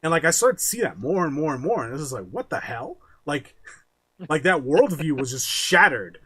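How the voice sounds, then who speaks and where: A man's voice: a little high, sing-song, a little fast, fairly bright tone. A man co-hosting a casual podcast, ranting with lots of swearing and acting out quoted voices. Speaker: podcast co-host.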